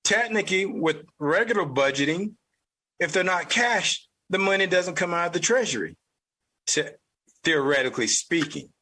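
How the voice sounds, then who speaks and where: A man with a Southern drawl delivers blunt, profane podcast commentary. His voice sits high and sounds bright and forceful, with a husky edge. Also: animated, normal speed. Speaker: podcast host. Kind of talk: opinion commentary.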